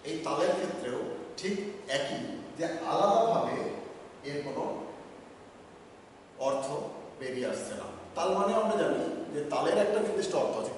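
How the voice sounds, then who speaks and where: A male teacher giving a slow, measured grammar lesson with pauses between words, recorded in an office room. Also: on the high side, a little hiss or hum. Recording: echoey room from far off.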